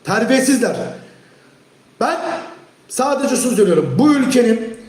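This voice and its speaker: Furious high-voiced man ranting live. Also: very animated, normal speed, reverberant. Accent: Turkish. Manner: heated, shouting, addressing chat directly. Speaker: livestream host. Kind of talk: angry live-stream rant.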